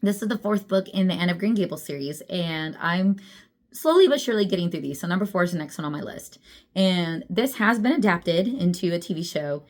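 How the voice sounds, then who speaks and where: A woman's voice: fairly low pitch, lively intonation, fairly quick. A young adult woman chatting casually about books, laughing often and poking fun at herself. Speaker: book vlogger. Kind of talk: casual chat.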